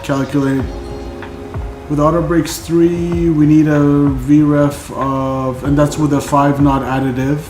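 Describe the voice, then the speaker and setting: A man's voice: a little high, little pitch movement, slow pace, a little mellow, reverberant, faint music behind. A man giving casual running commentary as a flight sim streamer, thinking aloud and reading out figures. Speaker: flight simulator live streamer.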